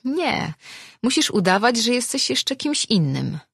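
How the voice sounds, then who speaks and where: A woman's voice: a little high, big pitch swings, measured pace, vocal fry, fairly bright tone, breathy edge, no echo, voice pushed up, heavily acted. A woman voicing a wry, self-assured ancient sorceress who teases with dry humor. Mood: teasing advice. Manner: teasing, dry.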